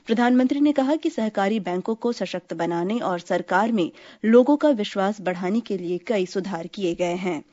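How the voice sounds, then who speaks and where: A woman reading a formal news bulletin in a steady, measured voice. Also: medium pitch, lo-fi sound. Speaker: news reader.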